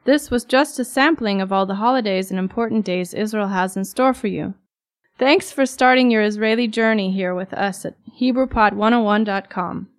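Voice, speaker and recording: A woman's voice: mid-range voice, moderate pace, smooth. A woman co-hosting a scripted podcast, asking curious, friendly questions and adding her own notes. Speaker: podcast co-host. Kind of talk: scripted educational podcast dialogue.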